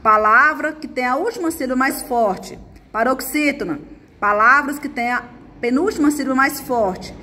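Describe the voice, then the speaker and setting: A woman's voice: high-pitched, moderate pace, pushed and bright. A woman from Brazil, a mother and a teacher, giving a chatty, coaxing remote lesson to schoolchildren. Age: adult, mother. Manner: chatty, coaxing, often adds "gente".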